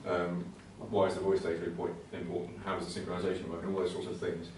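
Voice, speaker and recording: A fast-talking man with a low, steady voice presents slides informally at a computing conservation talk. He hesitates and repeats words in a chatty, conversational way. The recording, made indoors at a venue with a distant mic, is very echoey and carries faint noise.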